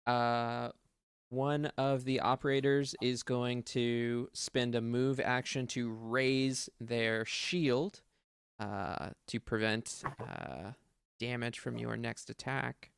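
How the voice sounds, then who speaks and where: A man's voice: medium pitch, steady tone, slow, gravelly, clear, resonant tone, no room sound, studio quality. A man running a tabletop game as game master, hesitant and thinking aloud with many fillers.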